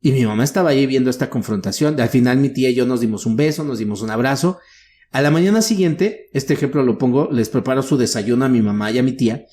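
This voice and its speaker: Frank and earnest, this middle-aged Mexican man talks through his own life in a relaxed conversational voice of ordinary pitch. He swears casually and keeps a steady, open tone as he explains himself. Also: fast. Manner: frank and earnest, slips into acted quotes of relatives, casual swearing. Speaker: guest, workshop speaker. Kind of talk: candid conversational storytelling.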